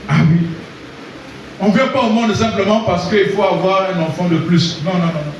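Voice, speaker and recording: A man from Congo preaching a sermon, calling out to the congregation for responses and rising to shouts. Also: sits high, moderate pace, highs cut off, slight background noise. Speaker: pastor. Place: church hall. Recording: echoey hall, voice from far off.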